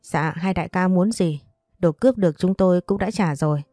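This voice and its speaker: Woman doing a scared thug boss, pleading, apologetic, low mellow tone. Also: a little fast, no echo, clean studio sound, soft background music. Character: scared, pleading male gang leader.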